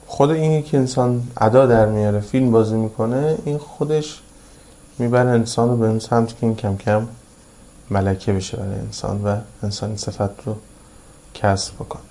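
A male preacher giving a sermon who recites Arabic slowly and then explains it in plain, colloquial talk, using repetitive, emphatic phrasing. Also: medium pitch, mellow. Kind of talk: religious sermon.

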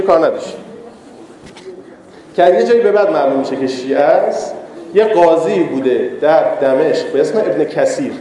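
A man's voice: high-pitched, mellow, a little hiss or hum. A man, a cleric, preaching a sermon with rhetorical questions and humorous asides. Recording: echoey hall with long reverb.

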